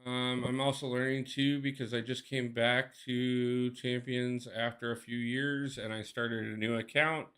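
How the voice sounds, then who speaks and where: A man's voice: medium pitch, little pitch movement, unhurried, few pauses, fairly bright tone, smooth. A man live-streaming a mobile game, chatting casually, thinking aloud and greeting his viewers by name.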